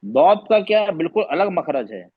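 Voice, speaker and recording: A man teaches Quran recitation in an online class, patiently drilling each letter sound and having students repeat it. His voice is husky and lively, rising and falling a lot. The sound is dry and slightly dull, like a lo-fi call. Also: high voice, moderate pace, dry recording.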